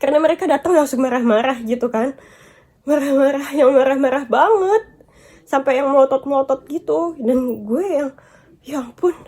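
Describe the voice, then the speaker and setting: A woman's voice: high voice, normal speed, a little mellow. A woman vlogger venting about being scolded, upset and tearful at times, mixing English and Japanese words into her talk. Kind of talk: emotional storytime vlog.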